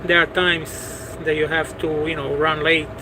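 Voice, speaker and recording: A Bosnian truck driver chats casually with livestream viewers from his truck parked at a truck stop, circling back over his words with many "you know"s. His voice is a little high and flat, a bit slow, with background noise.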